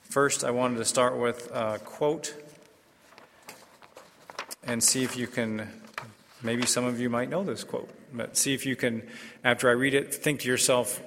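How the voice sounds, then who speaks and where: A priest with a bright, clear voice of middling pitch reads the gospel and then preaches, measured and unhurried. His words ring out in a large church and trail off in a long, cathedral-like echo. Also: fairly even intonation, a little hiss or hum. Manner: measured and unhurried, with a few fillers and restarts in the homily. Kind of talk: gospel reading and homily.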